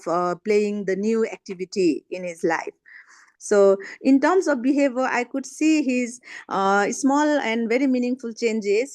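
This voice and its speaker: A middle-aged woman from Nepal with a Nepali accent, giving a prepared talk as a guest parent on a video call, measured and pausing often with "uh". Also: medium pitch, dry recording. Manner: measured, with frequent "uh" pauses. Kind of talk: prepared talk read aloud.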